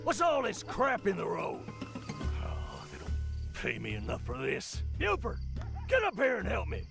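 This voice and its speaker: An actor playing a put-upon, griping frontier wagon driver with a gravelly, folksy voice in a video game. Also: male voice, high voice, wildly swooping pitch, unhurried, over music, full character voice. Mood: exasperated.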